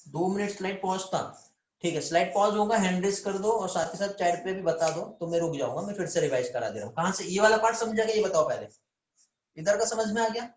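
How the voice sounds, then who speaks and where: A man's voice: high voice, fast talker, roomy sound. A man teaching biology in a live online lecture, calling students "beta" and often checking whether they understand.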